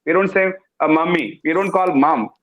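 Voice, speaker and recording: A man's voice: on the high side, normal speed, fairly bright tone, reverberant. A middle-aged man with a Tamil-influenced Indian English accent, lecturing as an English professor, repeating key words emphatically with many hesitant fillers. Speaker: English professor giving a webinar talk. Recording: dull lo-fi webinar audio.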